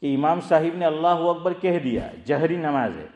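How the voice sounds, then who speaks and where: A man's voice: a little high, expressive, darkish tone, roomy sound. A man, giving a conversational religious talk, asking his listeners questions and repeating key points. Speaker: Islamic scholar giving a talk. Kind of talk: conversational sermon.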